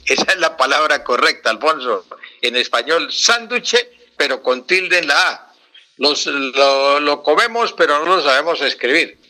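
A man explains language on a radio segment, stressing each key word and saying it again slowly. His voice is very bright and cutting, with a middle pitch. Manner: emphatic, repeats words slowly to teach. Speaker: language expert guest.

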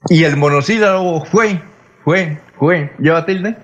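A man hosting a radio call-in segment who reads out listener questions about spelling in a brisk, plain way. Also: fairly high pitch, a bit bright.

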